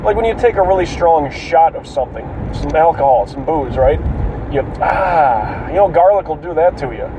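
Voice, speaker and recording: A man congested with a cold, his voice cracking and wavering in tone, rambling casually and profanely as a solo podcast host, halting and clearing his throat. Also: fairly high pitch, expressive. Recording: dull, distant mic, loud vehicle noise.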